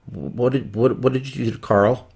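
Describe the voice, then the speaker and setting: A woman's voice: rumbling low, very animated, moderate pace, a little mellow, breathy edge, exaggerated voice. A woman voicing a stuttering, frightened young man. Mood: panicked. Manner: stuttering, panicked. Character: frightened young man confronting his killer ex. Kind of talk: horror story voice acting.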